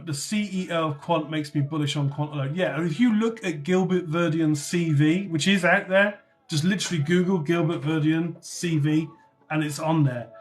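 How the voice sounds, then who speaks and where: A man from North Somerset, casually chatting on a livestream and answering viewer comments. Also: fairly high pitch. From North Somerset, England. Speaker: livestream host.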